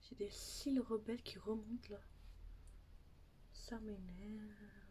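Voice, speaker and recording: Young woman narrating her makeup, medium pitch, chatty with hushed asides. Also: steady tone, takes it slowly, background noise. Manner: chatty, drops into soft asides and near-whispers. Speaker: beauty vlogger. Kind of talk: casual makeup tutorial chat.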